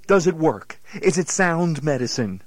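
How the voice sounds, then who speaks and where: A man's voice: fairly high pitch, expressive, measured pace, background noise. A man playing the incredulous, exasperated straight man in a scripted radio comedy dialogue.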